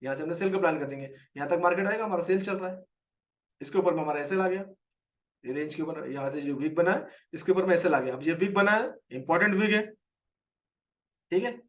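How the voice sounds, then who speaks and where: A man's voice: sits high, fast talker, fairly bright tone, recorded from a distance. A man with an Indian accent teaching a live trading lesson, explaining a chart and answering viewers by name.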